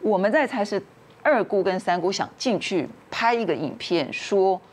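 A woman's voice: medium pitch, normal speed, slightly rough. Woman on a talk show, voice jumps all over, acts out every argument. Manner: lively, acts out the quarrels in raised voices. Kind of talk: animated storytelling on a talk show.

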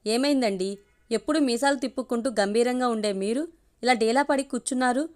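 A woman's voice: fairly high pitch, fairly quick, a little mellow, lightly acted. A woman voicing an anxious middle-aged wife who pleads with her angry husband. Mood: worried. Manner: pleading, fearful.

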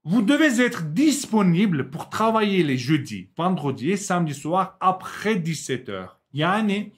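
A man's voice: high-pitched, sing-song, normal speed. A young adult man with a Turkish accent teaching a live language lesson, explaining, translating and repeating key words for learners.

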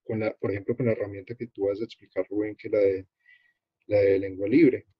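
A man with a Colombian accent leads an online workshop, explaining a web page as he shows it on screen. He talks in a halting, unhurried way, full of fillers and restarts. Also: on the low side, fairly even intonation, husky, no echo. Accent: Colombian Spanish. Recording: dull, dry video-call audio.

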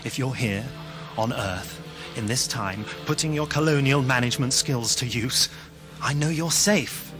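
An actor playing a grave, protective time-travelling mentor in an audio drama, earnest, articulate and theatrical. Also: male voice, mid-range voice, a little slow, over music, natural voice. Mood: firm, protective.

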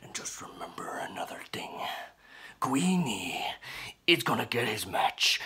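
A man playing a cocky, ranting comic pro wrestler in a theatrical wrestling promo, gravelly and swinging between hoarse whispers and shouts. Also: medium pitch, exaggerated voice. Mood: threatening. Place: small bedroom, indoors.

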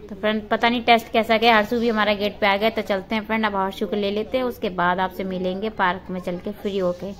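A woman vlogs while out and about at a park and school gate, holding her phone and chatting with viewers as if they were friends. She speaks in a level, mid-range voice at a quick pace, with hardly any pauses.

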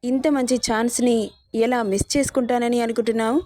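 A scheming, lustful villain of a brother-in-law, read in a woman's own fairly high voice. He talks in a coaxing, leering way, close and dry with no room around him. This is a story narration, not a full character voice. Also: fairly even intonation, brisk, warm tone, no echo, close to an everyday voice.

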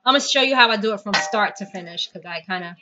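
Here a woman in her thirties with a medium-pitched voice talks fast as she walks viewers through a recipe in a relaxed, chatty home cooking vlog, hands busy the whole time. Captured indoors in her kitchen on a nearby phone or built-in camera mic, the sound is dull lo-fi with heavy noise and clicking.

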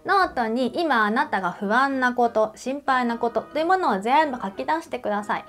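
A woman with a high voice talks straight to the viewer as a counselor, stressing her points and asking questions as she goes. Faint music plays under her words. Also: animated, normal speed, a bit bright. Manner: emphatic, addresses viewer directly; uses everyday examples and questions. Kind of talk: advice talk to camera.

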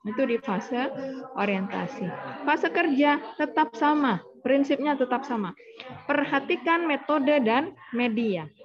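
A woman with a fairly high voice lectures nursing students step by step. She poses questions and answers them herself. The recording is muffled, with a crowd audible behind her. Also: animated, measured pace. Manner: explains step by step, asks and answers own questions.

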